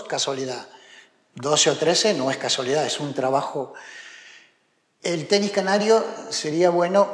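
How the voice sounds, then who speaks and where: Argentine man, echoey long-reverb room. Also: fairly high pitch. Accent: Argentine Spanish. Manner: hesitant, many fillers and restarts, grows emphatic. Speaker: tennis coach, interview guest. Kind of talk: conversational interview answers.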